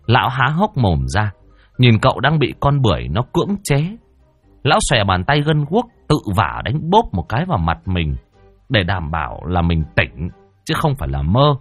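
A man's voice: lowish voice, big pitch swings, moderate pace, dry recording, soft background music. A man narrating a comic ghost story in a playful, vivid way.

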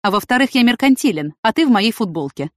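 A woman's voice: a little high, expressive, fast talker, no room sound, clean studio sound, close to an everyday voice. A woman voicing a composed, confident young man who speaks firmly and evenly. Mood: reproachful.

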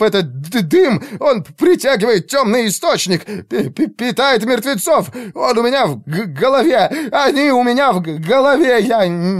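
A man voicing a terrified male mage who stammers and pleads in panic, in a dark fantasy audiobook. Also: sits high, no echo, clean studio sound, pitched above the performer's own voice.

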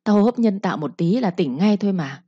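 A woman's voice: mid-range voice, expressive, a little fast, dark tone, breathy edge, no echo, highs cut off. A woman voicing a cold, curt young man, a doctor and eldest son, in a storybook reading. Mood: cool, curt.

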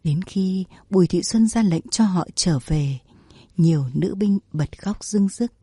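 A woman narrating a historical story in a measured, dramatic storytelling manner. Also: fairly low pitch, mellow, husky, dry recording. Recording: dry close recording with faint music.

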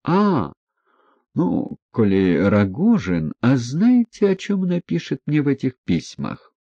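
A man reading an audiobook, voicing a proud, passionate young woman who presses with rapid, agitated questions. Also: medium pitch, huge pitch swings, warm tone, dry recording, voice pushed up, exaggerated voice. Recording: dry, dull close recording.

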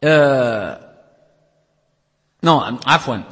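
A man's voice: medium pitch, lively intonation, very slow, fairly bright tone, in a large hall. A man teaching Quranic recitation rules in a classroom lesson, explaining step by step, checking understanding with frequent tag questions, and chanting letters at length.

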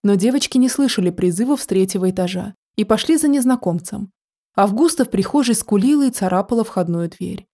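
Mellow woman reading a story aloud. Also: medium pitch. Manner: steady, measured reading. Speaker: narrator. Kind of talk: storybook narration.

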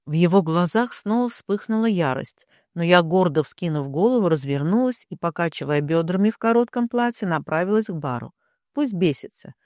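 A woman reading a first-person romance novel aloud in an even, measured manner. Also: fairly low pitch, dry recording, clean studio sound. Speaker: audiobook narrator.

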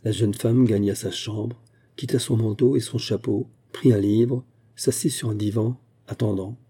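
Man reading a story out loud, mellow dark voice, bit husky. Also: on the low side, steady tone, normal speed. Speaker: reader. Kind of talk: reading a short story aloud.

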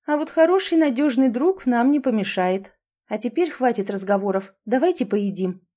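A woman's voice: a little high, lively intonation, normal speed, mellow, pitched above the performer's own voice. A woman voicing a kind, cheerful young girl in a storybook, raising her voice for the part. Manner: ringing, laughing.

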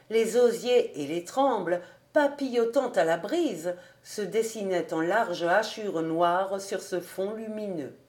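A woman reading a classic novel aloud as an audiobook narrator. Her pace is slow and measured, her pitch in the middle range. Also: darkish tone. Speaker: audiobook reader.

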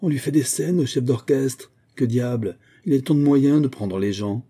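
Brief: male reader as an exasperated old singing master, husky and mellow. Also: lowish voice, moderate pace. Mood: furious. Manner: exasperated, scolding. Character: old Italian singing master, irascible, fussy.

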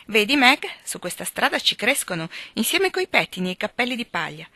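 A woman's voice: a little high, very animated, fairly quick, pushed and bright, dry recording, pitched above the performer's own voice, exaggerated voice. A woman reading aloud, voicing a good-natured teenage boy who teases in a playful, conspiratorial way. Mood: teasing.

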